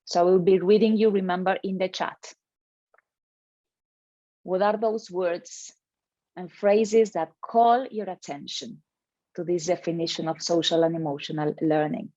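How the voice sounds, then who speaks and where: A woman's voice: fairly low pitch, measured pace, long pauses, warm tone, dry recording, lo-fi sound. A woman presenting an educational webinar to teachers over a video call, earnest and emphatic, reading participants' names from the chat.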